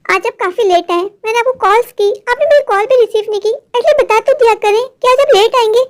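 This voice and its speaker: A woman voicing a caring, chatty wife in a cartoon, who fusses, asks questions and gently scolds. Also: very high-pitched, fairly quick.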